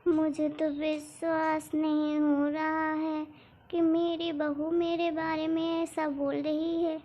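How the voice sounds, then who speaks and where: A woman voicing a kind, hardworking older mother-in-law in a cartoon, speaking in a gentle, patient, pleading way. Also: high-pitched, level tone, slow. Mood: hurt. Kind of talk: cartoon voice acting. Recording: dull lo-fi recording.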